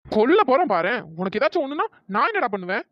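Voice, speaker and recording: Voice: high-pitched, sing-song, quick pace, no echo, highs cut off. A performer voicing a young man who scolds and mocks his injured best friend in a cartoon story. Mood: scolding. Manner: scolding, mocking.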